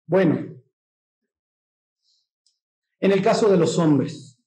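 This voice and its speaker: A man with a Mexican accent preaching a sermon in a lively, joking way, often acting out the voices of the people in his stories. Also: high voice, extremely slow. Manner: mimics voices in quotes. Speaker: pastor.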